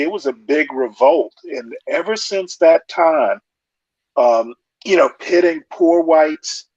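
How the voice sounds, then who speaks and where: A man calling into a talk show through earbuds, his voice muffled as if inside a fishbowl, speaking in a measured, hesitant, lecturing way. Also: medium pitch, no room sound. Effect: muffled sound, as if inside a fishbowl. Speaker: caller joining a live talk show. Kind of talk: casual call-in discussion. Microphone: earbuds microphone. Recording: dull lo-fi earbud audio.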